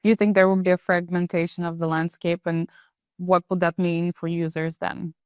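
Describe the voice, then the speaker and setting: A woman's voice: on the low side, level tone, normal speed, smooth, no room sound. Female interviewer from Bulgaria, chatty and inquisitive, dry close sound. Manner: curious, conversational, uses fillers. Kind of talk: business interview.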